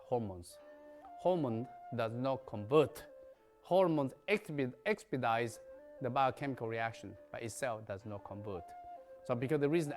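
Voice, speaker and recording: A man whose first language is Chinese teaches a qigong class in English, leaving out small words as he pushes each point home. His pitch jumps about in a lively, sing-song way, set at an average height. Faint music plays behind him. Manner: emphatic, non-native English with dropped articles and verbs. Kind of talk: lecture.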